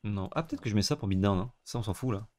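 A young man co-hosts a card game stream and thinks aloud about each move. He talks fast and casually. His voice sits slightly low. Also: a little mellow. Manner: quick, chatty, thinking aloud. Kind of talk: casual gaming chat.

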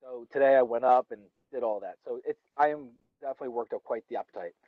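A man's voice: mid-range voice, fast talker, no echo, phone-quality sound. A young man vlogging while he eats outdoors, rambling casually with fillers and restarts. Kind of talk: casual talk while eating. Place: outdoors under a tree in a yard.

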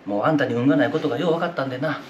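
A man voicing a sharp-tongued, exasperated Osaka wife who scolds and nags her husband, with an Osaka accent. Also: medium pitch, very fast, muffled recording, slight background noise, pitched below the performer's own voice, close to an everyday voice. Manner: scolding, nagging. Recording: roomy echoey room.

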